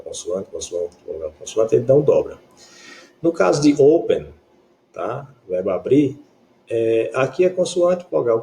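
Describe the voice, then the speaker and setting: A man's voice: on the low side, dark tone, slight background noise. A man teaching an English grammar lesson in Portuguese with a Brazilian accent, explaining patiently and often checking that students follow.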